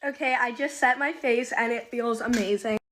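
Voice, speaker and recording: A woman's voice: a little high, steady tone, moderate pace, fairly bright tone, slight background noise. A woman casually talking through her makeup routine and reviewing products as she applies them. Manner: casual product commentary with fillers. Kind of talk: makeup tutorial chat.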